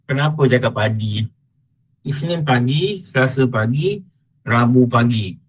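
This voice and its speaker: A middle-aged man with a Malaysian Malay accent teaches a religious class online, his voice sitting at an ordinary middle pitch. He draws scripture verses out slowly, then explains them in an easy, conversational way. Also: lively intonation, rough recording.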